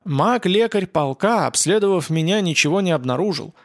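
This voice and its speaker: A man reading the part of a gruff, blunt older male priest and war veteran in an audiobook. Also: high-pitched, lively intonation, moderate pace, no echo, studio quality, voice pushed up. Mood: grim. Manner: blunt, commanding.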